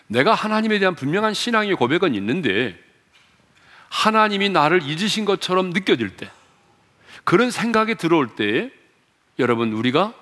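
Male pastor, high-pitched voice, preaching to his congregation in a church with a long hall reverb, asks questions and drops low for emphasis. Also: fairly bright tone. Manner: asks the congregation questions and leads them in reading aloud. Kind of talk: sermon. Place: church sanctuary.

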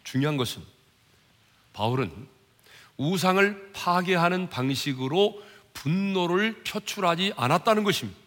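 A male pastor preaching a sermon, dropping to hushed low asides and then rising loud and high as he acts out mockers and urges the congregation. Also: expressive, moderate pace, long reverb tail.

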